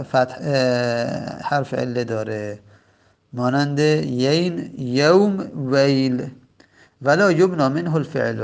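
A man teaching a grammar lesson, repeating each form slowly and spelling it out, with frequent hesitant fillers. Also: on the high side, vocal fry. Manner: patient, repeats forms slowly and spells them out; hesitant fillers between points. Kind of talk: lecture on Arabic verb morphology.

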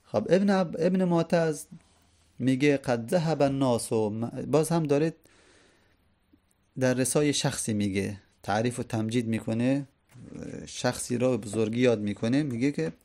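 Mellow-voiced male teacher explaining poetry. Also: medium pitch. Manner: explains line by line, rhetorical questions to students. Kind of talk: lecture explaining classical poetry.

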